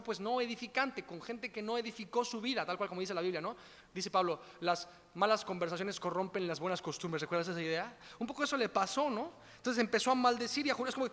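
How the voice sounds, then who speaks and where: A man's voice: sits high, fairly bright tone, long reverb tail. A man preaching a casual, chatty sermon, full of slang and tag questions. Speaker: pastor.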